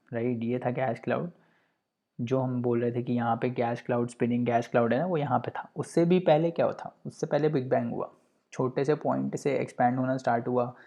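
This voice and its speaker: A man's voice: mid-range voice, darkish tone. Conversational man explaining a lecture. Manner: explains step by step, mixing in English phrases and checking with "right?"; conversational, with frequent "you know" fillers. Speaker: geography teacher.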